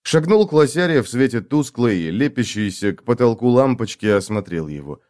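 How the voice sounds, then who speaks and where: Lively male audiobook narrator. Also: mid-range voice, moderate pace. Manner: expressive, first-person storytelling.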